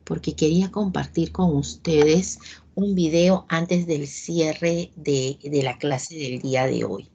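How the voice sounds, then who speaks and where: A woman's voice: sits low, slow, warm tone, breathy edge, dull audio. A woman teacher leading an online class, patiently asking her students questions over a video call.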